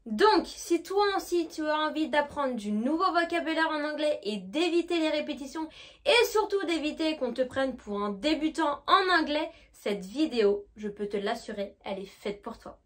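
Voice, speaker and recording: In her online English class, a French-accented teacher chats directly with the viewer and lengthens each English example word for repetition. Her high, light voice is animated and fairly bright, at a moderate pace.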